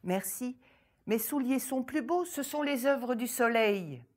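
A woman's voice: fairly high pitch, lively intonation, a little slow, darkish tone, pitched above the performer's own voice. A woman doing a bold little storybook girl. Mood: proud. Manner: clear, proud and bold. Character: brave little girl, bright and defiant.

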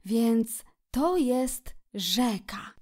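A woman voicing a timid, excitable young male mole in a storybook reading, eager and full of wonder. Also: fairly high pitch, drawn-out words, full character voice. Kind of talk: audiobook character voice.

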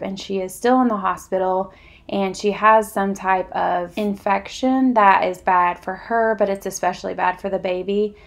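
A woman's voice: mid-range voice, vocal fry. Chatty woman talking over footage. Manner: chatty, earnest, rambling asides. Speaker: vlogger. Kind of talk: casual voice-over chat.

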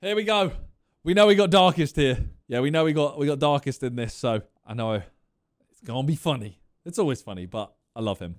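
A young man streaming from a neon-lit gaming room, reacting to a quiz video with casual, chatty commentary, laughing often and exclaiming loudly. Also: mid-range voice, lively intonation, brisk. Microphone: studio mic on boom arm with headphones.

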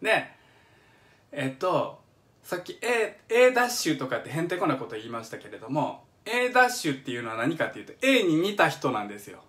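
A man's voice: a little high, big pitch swings, a little fast, a bit bright. A middle-aged man with a Kansai accent, eagerly explaining music on a live stream from his home kitchen and reading out viewer comments. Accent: Kansai Japanese. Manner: eager, chatty explainer who hums examples and reads out viewer comments. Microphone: phone or webcam on a live stream.

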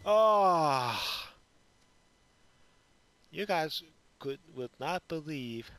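A man's voice: medium pitch, lively intonation, moderate pace. A man casually commentating a video game he is playing, frustrated and salty, muttering mild curses. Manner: frustrated, salty, mildly cursing. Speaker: gaming channel host. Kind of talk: casual let's play commentary. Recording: voice over loud game music.

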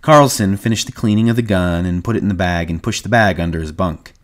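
A man narrating a novel aloud in a measured, even storytelling manner. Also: low voice. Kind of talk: audiobook reading.

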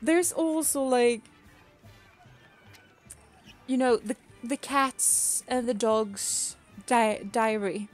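Speaking extremely slowly and leaving long pauses, a young Swedish streamer and teacher chats with her viewers during a game. Her voice is a little high, her Swedish accent light, and soft music plays in the background. She laughs frequently and keeps restarting her words.

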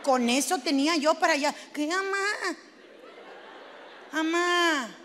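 A woman's voice: high voice, takes it slowly, a bit bright, big-room sound, some chatter behind, slight background noise. A middle-aged woman with a Mexican accent doing brash, crude stand-up storytelling, acting out her mother and her kids. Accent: Mexican Spanish. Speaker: stand-up comedian in character.

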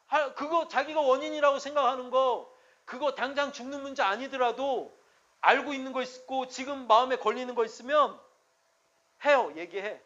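A male pastor delivers a sermon in a strikingly high voice. His preaching is emphatic and conversational, with frequent rhetorical check-ins to the congregation. The recording sounds dull and lo-fi. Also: pushed and bright.

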